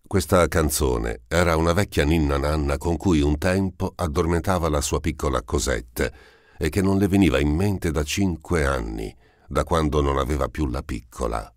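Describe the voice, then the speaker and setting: A man narrating a classic novel as an audiobook, measured and expressive, on a close mic. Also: very deep voice, no echo. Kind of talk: scripted literary narration.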